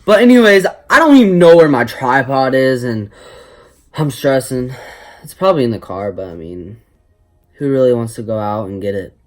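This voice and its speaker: A man's voice: mid-range voice, animated, normal speed, soft background music. A young man rambling casually to his viewers in a jokey, self-deprecating, stop-start way, like a vlogger.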